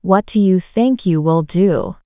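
A woman with a fairly low voice narrates a language lesson, reading short phrases followed by their translations. She takes each English phrase very slowly but moves quickly through the Korean lines. The recording is dry and echo-free, with a narrow, phone-like band.

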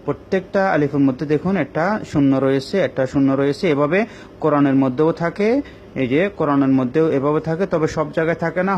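A man teaches a recorded online Quran reading lesson, explaining each rule with patient care. He draws out the recited words slowly so his students can follow. The recording is dull and lo-fi, with a faint hiss underneath. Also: on the high side.

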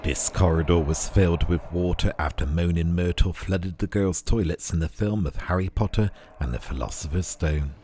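A man narrating a scripted guided tour in a measured, informative manner, as a guide. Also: deep voice, dark tone, a little hiss or hum.

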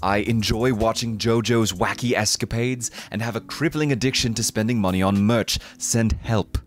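A man's voice: normal speed, faint music behind. A young man with a fake British accent doing a sarcastic comedic parody monologue as a YouTuber. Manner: mock-enthusiastic, sarcastic, jumps to shrill outbursts.

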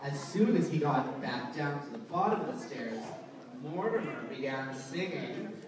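A storyteller reading a children's story aloud to a live audience in an animated, theatrical way, acting out sounds and voices. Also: medium pitch, a little slow, crowd noise. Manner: theatrical, acts out sound effects and shouts. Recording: echoey room, distant mic, audience behind.

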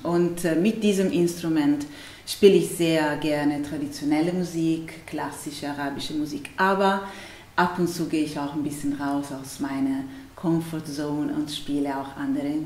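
A woman's voice: deep voice, steady tone, moderate pace, darkish tone. A woman in her thirties from Italy with an Italian accent, a musician answering interview questions hesitantly, searching for words. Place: bright room with large windows. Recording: roomy sound from a distant mic with faint noise.

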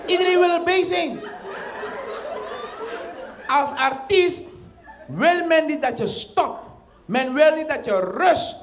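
A man with a notably high voice and a Surinamese Dutch accent, performing stand-up comedy. He tells animated stories, acts out scenes, and bursts into loud exclamations. Faint background noise from a live show sits behind him. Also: slow, pauses often, some chatter behind.

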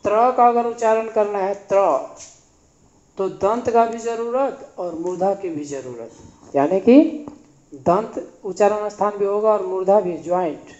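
In an echoey room with slightly dull audio, a man speaks at a measured pace in a high, somewhat mellow voice. He teaches Hindi grammar like a classroom lesson, patiently repeating sounds for the listener to echo back.

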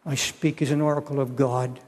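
An older man preaching an earnest, pleading sermon, often halting and repeating his words. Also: medium pitch, level tone, a little mellow. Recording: long echo of a large hall.

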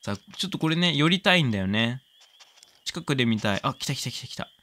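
Excitable man with a lively voice. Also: mid-range voice, fast talker, slight background noise. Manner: excitable, exclaims often, coos at the pet. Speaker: game commentator. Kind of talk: casual let's-play commentary.

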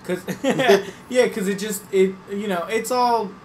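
A man's voice: sits high, slow, a crowd in the background, rough recording. Joking young man co-hosting a let's play. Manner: joking, puts on silly voices. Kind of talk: casual gaming chat.

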